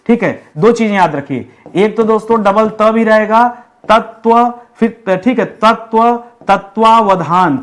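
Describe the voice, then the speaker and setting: A young male teacher with a high voice runs through a Hindi spelling lesson at an easy pace. He keeps quizzing the class with "what is it?" questions and says each corrected word again and again. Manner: repeats and drills words, asks the class rhetorical questions; calls his listeners friends, relaxed and unhurried. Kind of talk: online exam-prep lesson.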